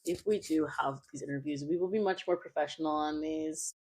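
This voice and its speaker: A woman's voice: deep voice, brisk, darkish tone, slightly rough. A woman in her twenties co-hosting a podcast, chatting casually and poking fun at herself with lots of "like.". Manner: chatty and self-mocking, with lots of "like". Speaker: podcast co-host. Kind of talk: casual chat.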